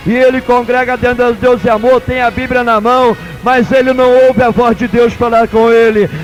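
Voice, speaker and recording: A man with a Brazilian Portuguese accent preaching a sermon as pastor, in a sing-song cadence that swells into shouts. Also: very high voice, level tone, fairly quick, highs cut off, faint music behind.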